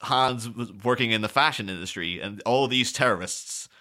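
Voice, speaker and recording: A man's voice: medium pitch, normal speed. A man hosting a casual film-discussion podcast, rambling and laughing as he talks. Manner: animated, rambling, laughs while talking. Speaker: podcast host.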